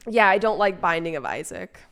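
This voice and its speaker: A woman streamer in casual chat, expressive and playfully defensive. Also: lowish voice, a little fast, vocal fry, soft background music.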